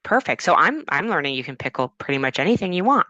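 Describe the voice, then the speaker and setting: An earnest, slightly fumbling podcast host, played by a woman asks her questions in a low voice. The sound is dry and close. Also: sing-song, quick pace, bright, forceful tone, no room sound, lo-fi sound, heavily acted. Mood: earnest curious. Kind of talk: improvised comedy podcast.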